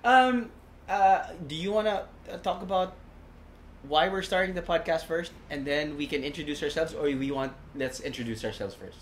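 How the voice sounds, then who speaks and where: A man's voice: on the high side, normal speed, echoey room. A man in his thirties co-hosting a casual home podcast, rambling and teasing with frequent laughs, on a lapel mic. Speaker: podcast co-host. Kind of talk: casual chat. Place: home in a busy city district. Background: faint street traffic.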